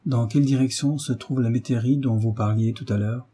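A man reading the part of a calm, grave tutor who gives firm, decisive orders. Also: mid-range voice, a little fast, breathy edge, natural voice. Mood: urgent. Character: calm, commanding male tutor in his prime.

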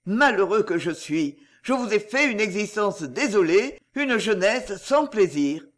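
A despairing middle-aged cashier who speaks in a choked, stubborn voice, as a male audiobook reader puts him on. The voice sits high and moves widely in pitch. He sounds like a broken man facing ruin. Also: expressive, unhurried, a bit bright. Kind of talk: audiobook character reading.

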